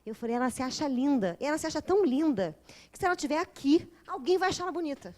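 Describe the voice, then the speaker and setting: A woman's voice: high-pitched, fast talker. A Brazilian woman with a Brazilian Portuguese accent giving an informal, humorous classroom lecture, acting out the voices of the people in her stories. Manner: animated and humorous, acts out quoted voices. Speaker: lecturer of a spiritist psychology course.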